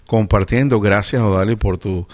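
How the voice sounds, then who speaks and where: A man's voice: on the low side, normal speed. A man hosting a radio show, introducing and questioning his guest in a friendly, informal way. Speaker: radio host. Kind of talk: radio interview.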